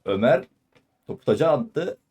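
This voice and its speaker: A man giving live football play-by-play in clipped phrases, calling out player names and shouting excitedly at goals and shots. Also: medium pitch, normal speed, slightly rough, lo-fi sound. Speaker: football commentator. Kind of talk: live play-by-play match commentary.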